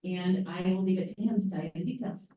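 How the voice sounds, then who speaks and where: A woman's voice: lowish voice, steady tone, fast talker. Southern-accented woman leading a meeting. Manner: chatty, rambling. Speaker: trip meeting leader. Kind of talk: casual group meeting talk. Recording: echoey dull room audio from far off.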